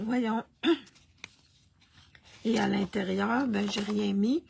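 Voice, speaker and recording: A woman, hosting a live card-making demonstration, talking slowly with many restarts and coughing through a frog in her throat. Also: medium pitch, fairly even intonation, vocal fry, darkish tone, slightly rough, dry recording. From Canada. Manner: slow, halting, with many restarts and fillers. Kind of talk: casual live craft demonstration.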